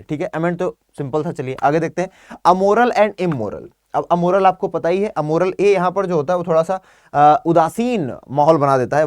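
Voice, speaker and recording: A young man teaching English vocabulary in an online exam-prep lesson, lively, mixing Hindi with English, spelling words out and firing rhetorical questions at his class. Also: a little high, no room sound, clean studio sound.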